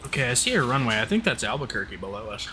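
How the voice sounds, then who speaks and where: Racing along in a mid-range voice over soft background music, an Oklahoma man from the southern US banters teasingly while live-streaming a flight simulator. The game-stream voice chat also has steady background noise.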